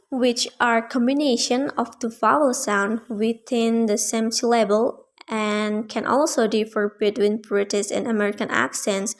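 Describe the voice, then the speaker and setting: A young woman student giving a prepared class presentation, reading in a careful, measured way with small slips. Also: a little high, a bit bright. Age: young adult.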